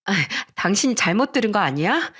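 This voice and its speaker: A woman voicing an evasive, nervous young wife in a radio story reading, speaking slowly and hesitantly. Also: medium pitch, sing-song, fairly bright tone.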